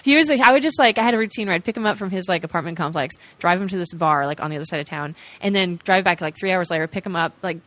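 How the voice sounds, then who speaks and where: A woman's voice: lowish voice, very fast, hardly any pauses, a bit bright, dry recording. A woman from Oregon, telling a rambling story in casual podcast chat. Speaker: podcast co-host.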